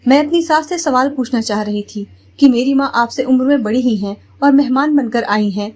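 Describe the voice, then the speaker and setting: A woman narrating a first-person family story in a steady, plain storytelling manner. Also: high-pitched, normal speed.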